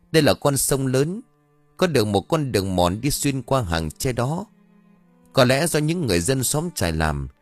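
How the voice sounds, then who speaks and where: A man reading a ghost story aloud in an expressive, scripted storytelling manner. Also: mid-range voice, no room sound. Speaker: audiobook narrator.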